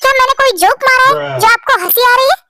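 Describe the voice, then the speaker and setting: A man's voice: extremely high pitch, fast, pushed and bright, voice pushed up, heavily acted. A woman doing a teasing young male boss. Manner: playful, teasing. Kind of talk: Hindi fan-story voice acting.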